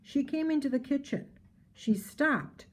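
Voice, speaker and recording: Older woman, grandma voice, children's read-aloud, lively intonation, slightly high, storytelling. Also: measured pace.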